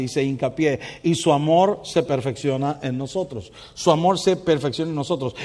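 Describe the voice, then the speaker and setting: A male pastor preaching a sermon with lively energy, often asking the congregation questions and telling personal anecdotes. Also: on the high side. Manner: animated, asks the congregation questions, tells anecdotes. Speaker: pastor and counselor.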